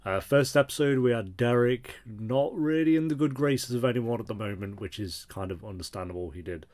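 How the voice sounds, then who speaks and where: A man's voice: mid-range voice, brisk, darkish tone. A man hosting a reaction video with casual, off-the-cuff commentary while show audio plays behind him.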